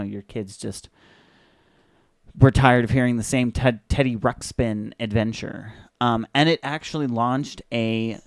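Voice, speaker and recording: A man's voice: medium pitch, dry recording. Young male commentary host, sarcastic and chatty, dry close recording. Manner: sarcastic, joking, chatty with many fillers. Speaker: video host. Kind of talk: casual commentary on an old commercial.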